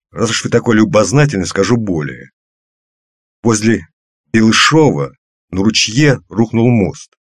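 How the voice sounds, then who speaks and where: Man doing a gruff retired old grump. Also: lowish voice, dry recording, clean studio sound. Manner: curt, grumbling. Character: gruff retired older man, curt and suspicious.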